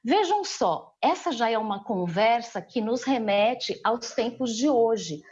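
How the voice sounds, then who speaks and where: A woman's voice: a little high, animated, measured pace, a little mellow, slightly rough, muffled recording. A woman with a Brazilian Portuguese accent teaching an English class remotely, explaining patiently and checking in with her students.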